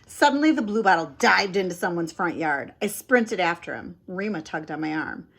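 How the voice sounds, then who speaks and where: A woman reading a children's chapter book aloud with animated, dramatic expression. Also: lowish voice, moderate pace, gravelly. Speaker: storybook reader. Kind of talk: expressive read-aloud narration.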